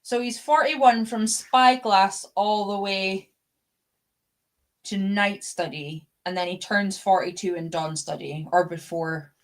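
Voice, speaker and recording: Speaking slowly in a medium-pitched voice, this woman from Scotland hosts a live readalong. Her book chat is casual and fannish, with the occasional swear word.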